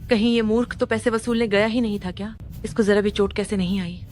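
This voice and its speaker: A woman dubbing a spiteful, greedy relative. She talks in a taunting, accusing tone at medium pitch. Faint music plays behind her. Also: fairly even intonation, fairly quick, a little mellow, natural voice. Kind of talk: Hindi dub of a drama.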